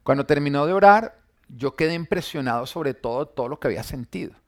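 A man's voice: fairly high pitch, expressive, brisk. A man earnestly telling his personal faith testimony, recounting scenes and quoting what people said. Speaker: church member giving testimony.

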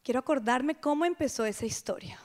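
Speaking high and fairly quick, a middle-aged woman gives an animated personal testimony to a women's gathering, dropping now and then into hushed whispers.

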